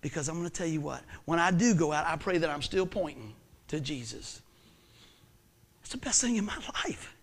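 A man in his fifties preaching a sermon as pastor, swinging from hushed, earnest lines to excited shouts. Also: fairly high pitch, moderate pace. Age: 50s.

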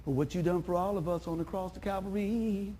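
A middle-aged man, a pastor, preaching a sermon in a chatty, animated way, acting out quotes and laughing at himself. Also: high voice, a little fast, slight background noise.

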